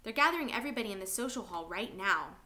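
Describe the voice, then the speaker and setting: A woman's voice: mid-range voice, lively intonation, fast talker, bright, forceful tone. A woman voicing a panicked teenage boy who speaks in an urgent, hissed whisper. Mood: breathless.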